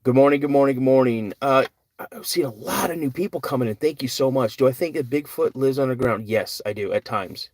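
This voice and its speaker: An older American man hosts a live podcast, reading chat questions and answering them in a rambling, earnest way, often correcting himself. His mid-range voice is a little fast and slightly mellow. The studio-quality recording has no echo, and the talk is casual live-stream chat.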